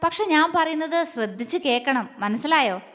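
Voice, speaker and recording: A woman's voice: high-pitched, animated, normal speed, fairly bright tone. A woman voicing an arrogant young man who taunts and mocks in an audio story. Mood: mocking. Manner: taunting, sneering. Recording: long reverb.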